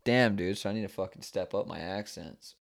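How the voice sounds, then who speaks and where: A man's voice: low-pitched, fairly quick, vocal fry, a crowd in the background. A young man in casual chat, telling rambling stories full of swearing and laughter. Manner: rambling storyteller, heavy swearing, laughs often.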